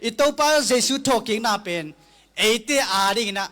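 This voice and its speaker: A man preaching a sermon slowly and deliberately, sometimes closing a thought with an amen. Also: high-pitched, lively intonation, sharp tone. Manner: slow, deliberate preaching with frequent amens.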